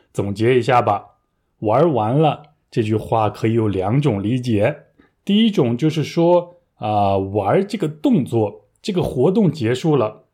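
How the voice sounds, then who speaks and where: Young guy teaching a language, mellow warm voice, patient clear explaining, bit playful. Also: mid-range voice. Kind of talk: scripted language lesson.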